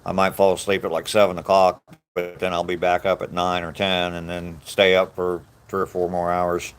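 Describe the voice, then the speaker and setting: A deep, smooth, monotone voice at a moderate pace belongs to an American vlogger in his sixties. Walking outside, he answers live chat with casual, rambling stories of the past, chuckling often as he goes.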